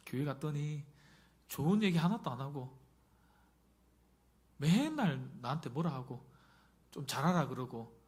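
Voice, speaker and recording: A man putting on a grumbling young man who is fed up with being nagged at church. He reels off one complaint after another in a sulky, everyday voice, a little higher than a typical man's. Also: close to an everyday voice. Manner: complaining, listing grievances.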